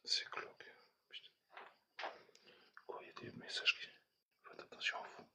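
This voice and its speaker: A man whispering through a live stream from an abandoned building at night, greeting viewers and talking in a hushed, tense voice. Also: moderate pace.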